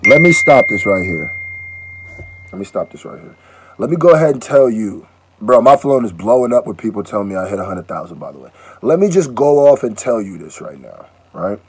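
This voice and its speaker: A man's voice: on the low side, a little fast, breathy edge, no echo. A man raised in Nigeria hosting a casual reaction video, joking and cutting in often. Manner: animated, joking, interjecting. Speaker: YouTube reaction host.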